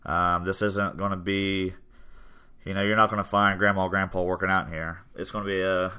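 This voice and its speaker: A man in his twenties, a gym owner and podcast host, chats loosely about his gym, rambling and leaning on fillers in a relaxed way. He has a deep, clear, resonant voice and speaks at a moderate pace.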